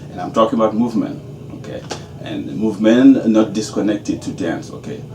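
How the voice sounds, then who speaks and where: A very deep-voiced man answers interview questions in a measured way, often pausing to ask "okay?". He sounds far from the mic in an echoey room with clear background noise. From Senegal. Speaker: dance graduate student. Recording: roomy, distant and noisy.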